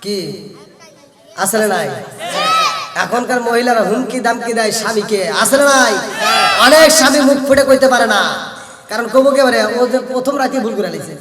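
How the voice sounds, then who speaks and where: A man from Bangladesh preaching a waz sermon. He chants in a sing-song way, rises to shouts and jokes with his listeners. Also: very high voice, moderate pace, long pauses, some chatter behind. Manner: jokey, calls out questions to listeners. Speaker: Islamic preacher. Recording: echoey hall sound from far off the mic.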